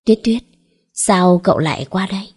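A woman reading an audiobook, voicing a gentle young woman who soothes her little brother in a soft voice. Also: on the low side, moderate pace, slightly rough. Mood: worried. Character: gentle protective young woman, older sister.

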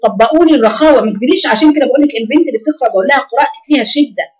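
An Egyptian woman runs a recitation class for girls, talking quickly in a slightly high voice. She corrects students as she goes and repeats single words slowly until they come out right. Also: a little mellow, highs cut off. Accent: Egyptian Arabic. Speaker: Quran recitation teacher.

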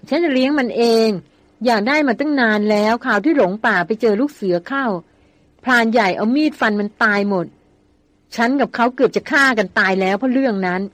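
A woman's voice: on the high side, a little fast, no echo, voice pushed up, natural voice. A woman reading aloud as a spirited, headstrong young woman who talks eagerly and scolds sharply. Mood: delighted.

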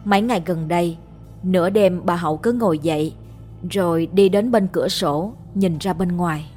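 Calm woman telling a ghost story. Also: fairly low pitch, normal speed, soft background music. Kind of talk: scripted narration of a ghost story.

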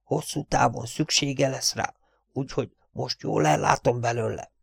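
A man doing a gruff, brisk country vet. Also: mid-range voice, animated, a little mellow, dry recording, natural voice. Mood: furtive. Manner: gruff and hurried, often dropping to a furtive whisper. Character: brisk, kind-hearted male country vet.

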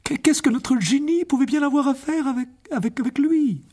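A man reading an audiobook, voicing a shaken middle-aged mother witch who stammers in a high voice. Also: expressive, measured pace, creaky, full character voice.

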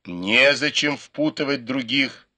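A man's voice: medium pitch, slow pace, bright, forceful tone. A male reader voicing a stern young swordsman who gives curt, threatening commands. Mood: mocking.

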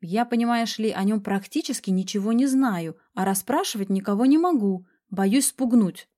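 A woman narrating a detective audiobook in the first person with a lively, conversational reading. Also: mid-range voice, moderate pace.

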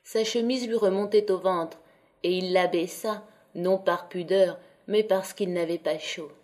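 A woman narrating a classic novel as an audiobook, reading in a measured, even, descriptive way. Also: on the low side. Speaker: audiobook reader.

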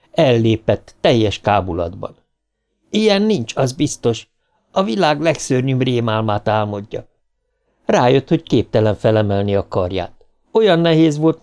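A man's voice: mid-range voice, dark tone. A man narrating an audiobook in a tense, dramatic reading style.

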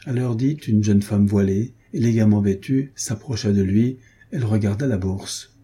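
A man narrating a nineteenth-century novel as an audiobook reader, raising his pitch for the characters' dialogue. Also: moderate pace, dark tone, slightly rough.

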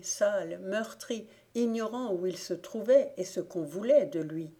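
Woman audiobook reader, unhurried and solemn, with a lowish pitch. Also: dark tone. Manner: slow, measured, solemn reading. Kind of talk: scripted narration of a story.

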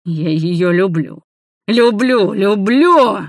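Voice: medium pitch, a little slow, dry recording, studio quality. A reader voicing a heartbroken young man who cries out in raw anguish in an audiobook. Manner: anguished shouting, then hushed.

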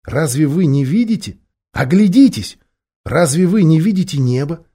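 A man reading as a kind, earnest young girl queen in a storybook, gently pleading. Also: a little high, lively intonation, moderate pace, breathy edge, voice pushed up. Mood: gentle, pleading.

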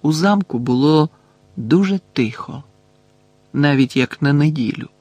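A man narrating an audiobook in a measured way, slowing down on dramatic lines. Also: a little high, lively intonation, a little mellow, slightly rough, no echo.

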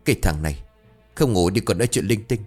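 A man's voice: on the low side, expressive, fast, a little mellow, faint music behind. A man voicing a stern, skeptical middle-aged father who scolds and dismisses talk of ghosts, in a narrated ghost story. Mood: scolding.

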